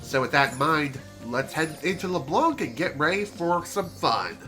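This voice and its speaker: A streamer chats through a video game in a casual let's-play style, with game music in the background. His slightly high voice is bright and forceful, swinging widely in pitch at normal speed, and it sounds nasal and congested as he makes chatty, self-deprecating asides.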